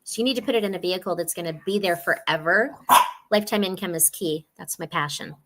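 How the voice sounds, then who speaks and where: A woman's voice: on the low side, fast, heavy background noise. A woman in her forties, a financial specialist speaking earnestly in a casual interview over a video call from home. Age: 40s. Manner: earnest, laughs easily, warm chatty explanations. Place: home, dog barking nearby.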